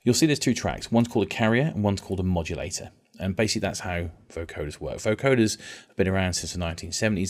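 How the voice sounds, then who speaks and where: In a low-pitched voice, a man walks through an informal music technology software tutorial step by step, repeating the key points as he goes.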